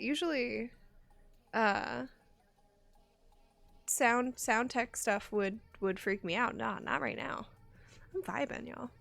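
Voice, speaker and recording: A woman's voice: a little high, creaky, fairly bright tone, no echo. A woman streamer in casual live-stream chat, chatty and self-mocking, laughing often and swearing casually.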